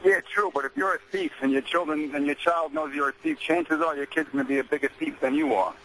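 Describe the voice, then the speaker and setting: Sharp-voiced male caller on a noisy line. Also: a little high, steady tone, quick pace. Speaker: radio call-in caller. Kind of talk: casual opinion on a call-in show. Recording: noisy radio call-in line.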